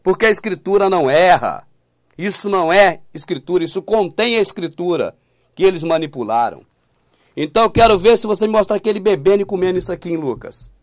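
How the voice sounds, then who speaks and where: Insistent preacher, lively high voice. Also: male voice, no echo, clean studio sound. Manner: reads scripture aloud slowly, then challenges the listener; insistent, repeats questions. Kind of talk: YouTube Bible teaching.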